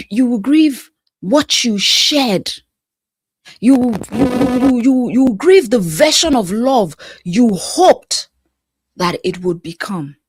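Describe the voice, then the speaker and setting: A woman's voice: a little high, breathy edge, no echo. Woman life coach, motivational delivery, preacher-like rhythm with whispered asides, dry recording. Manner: emphatic, repetitive, preacher-like cadence with pauses. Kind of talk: motivational talk to camera.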